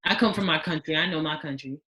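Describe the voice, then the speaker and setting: A young woman of Haitian background appears as a podcast guest, talking casually in an outspoken, animated way and acting out the voices of people she quotes. Her voice is low and she talks fast, though the audio quality is poor.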